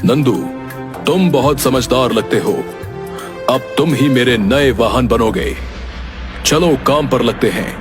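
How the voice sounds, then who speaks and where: A man's voice: mid-range voice, takes it slowly, long pauses, lightly acted. A stern cartoon god of death voiced by a man, commanding and exasperated, in a mid-range voice. Music plays behind him. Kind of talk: Hindi cartoon dialogue.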